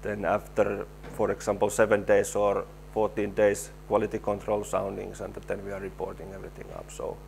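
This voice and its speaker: A low, gravelly voice from a man, talking through a technical conference presentation. He stops and restarts often, repeating words as he works through each slide, and a faint hum sits under him. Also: flat delivery, darkish tone. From Finland. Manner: halting, repeats words while explaining slides. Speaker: presenter, stabilization engineer.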